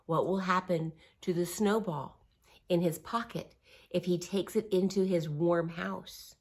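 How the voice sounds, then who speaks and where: In a husky, fairly low voice, a woman takes her time reading a picture book to small children. Her delivery is simple and encouraging, expressively emphasized, and dotted with asides and questions.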